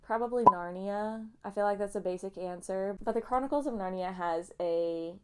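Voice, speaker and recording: Her medium-pitched voice is smooth and a little mellow, moving at a moderate pace. The young woman is a booktuber chatting casually in a rambling book vlog, a bit nasal and sniffly from allergies. She pokes fun at herself and goes off on playful tangents.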